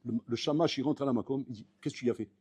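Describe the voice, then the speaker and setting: A male rabbi teaching a Torah class in a storytelling way, slipping into the voices of the people in his tales and swelling to loud, pressing peaks. His voice is dark and a little husky. The sound is dry and close, with almost no room around it. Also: mid-range voice, racing, no echo. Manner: lively storytelling, acting out voices, rising to loud emphatic peaks; French mixed with Hebrew terms, repeated address to the audience.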